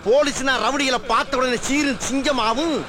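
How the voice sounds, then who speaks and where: A man's voice: very high voice, steady tone, moderate pace, noisy background. A man playing a boastful, cowardly middle-aged police constable in a film comedy, pompous and whiny, with a Tamil accent. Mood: indignant. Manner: pompous, whiny, self-important lecturing. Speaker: bumbling police head constable. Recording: film soundtrack with loud music.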